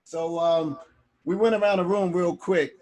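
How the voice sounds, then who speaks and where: Brief: male instructor, a touch high-pitched, casual lecture over a video call. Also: fairly even intonation, a little slow, a little mellow. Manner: casual, keeps adding "right?". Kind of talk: online class lecture.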